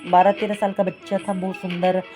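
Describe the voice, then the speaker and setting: A woman's voice: fairly low pitch, level tone, a little fast. A woman narrating a devotional story in a simple, repetitive storytelling way. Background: instrumental music.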